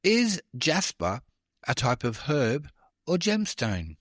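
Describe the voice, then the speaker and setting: A man's voice: a little high, huge pitch swings, slow, very noisy. A man hosting a trivia podcast, reading questions with chatty, self-deprecating asides. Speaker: quiz podcast host.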